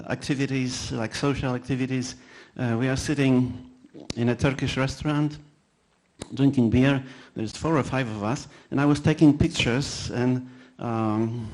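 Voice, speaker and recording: Self-deprecating anecdotes punctuate this conference talk, delivered haltingly by a man whose native language is Polish and who speaks with a Polish accent. Many fillers and restarts break up his speech, and his mid-range voice has a darkish tone.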